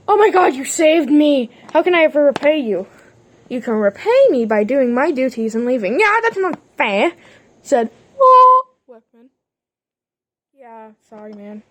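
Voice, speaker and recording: A woman's voice: sits high, fairly bright tone. A woman voicing all the characters in a playful homemade toy-train drama, jumping between silly character voices. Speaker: fan series voice actor.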